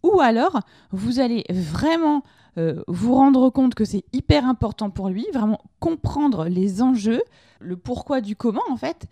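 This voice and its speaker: A woman's voice: on the high side, animated, measured pace, warm tone, no room sound. A woman hosting an informal lesson, explaining ideas conversationally and asking her listeners direct questions. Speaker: podcast host teaching lean management.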